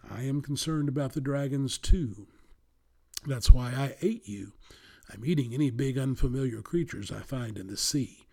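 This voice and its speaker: A gruff, wary old whale from a children's storybook, as voiced by a man. He speaks slowly and loudly in a deep, rumbling, gravelly voice with a husky edge. It's a storybook reading rather than a full production. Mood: stern. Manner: slow, booming, rumbling delivery.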